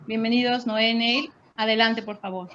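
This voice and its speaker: Higher-pitched woman, dull audio. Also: steady tone, normal speed, a bit bright. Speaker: webinar moderator introducing speakers. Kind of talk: formal scripted introductions. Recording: dull lo-fi audio, faint noise.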